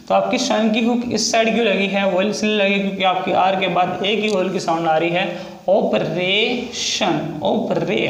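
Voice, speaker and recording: A man teaching a shorthand lesson, explaining rules step by step and drawing out each example word slowly as he repeats it. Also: high voice, echoey room, low-quality recording. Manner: slow, drawn-out repetition of example words.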